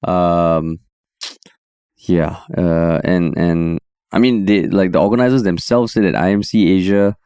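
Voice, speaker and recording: Man, Singaporean accent, low mellow voice, casual Singlish podcast chat, dry close sound. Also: steady tone, unhurried, smooth, no room sound. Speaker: podcast co-host.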